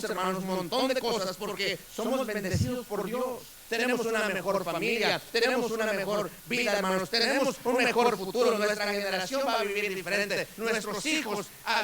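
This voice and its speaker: Fervent preaching man, bright high voice. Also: echoey room, rough recording. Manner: fervent preaching, often addressing the congregation as brothers. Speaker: pastor. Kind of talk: sermon.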